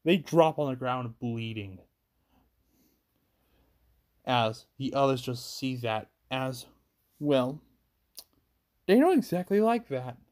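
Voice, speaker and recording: A man's voice: medium pitch, animated, slow pace, pauses often, a little mellow. A man improvising a fan-fiction story aloud, rambling through the action and restarting his sentences often. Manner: rambling, chains events with "as", frequent restarts.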